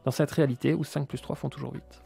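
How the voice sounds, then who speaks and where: A man's voice: mid-range voice, steady tone, quick pace, vocal fry, dark tone, breathy edge. A man narrating a footballer's story and arguing his case as a pundit, punchy and story-driven. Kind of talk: scripted narration and argument.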